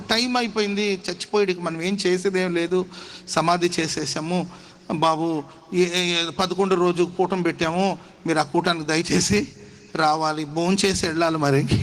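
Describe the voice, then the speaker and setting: A woman's voice: lowish voice, slight background noise, natural voice. A male preacher voicing a grieving older sister who pleads and fusses in homely, chatty talk.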